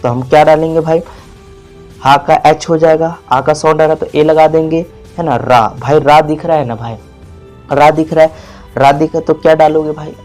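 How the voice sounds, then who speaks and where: A man's voice: a little high, steady tone, moderate pace, a little mellow, soft background music. A man giving a spelling lesson, repeating words and quizzing the viewer, stretching out vowels. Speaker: teacher. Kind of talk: classroom-style spelling lesson.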